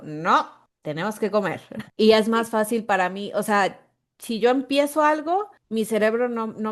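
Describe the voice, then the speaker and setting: Woman, Mexican accent, mid-pitched voice, casual podcast chat, animated storytelling, acts out dialogues. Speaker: podcast co-host.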